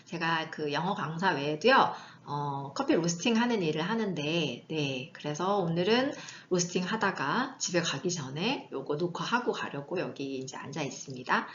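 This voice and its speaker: A woman English teacher giving a chatty vocabulary lesson and drilling slow pronunciation, recorded in a coffee roastery. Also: sits low, expressive, highs cut off, slight background noise. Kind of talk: casual online vocabulary lesson.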